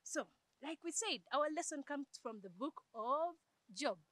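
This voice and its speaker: Young woman, Sunday school teacher, high voice, lively storytelling, dry close sound. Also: a little slow, no echo. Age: young adult. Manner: lively, expressive storytelling to children. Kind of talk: children's Bible lesson. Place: outdoors in a garden.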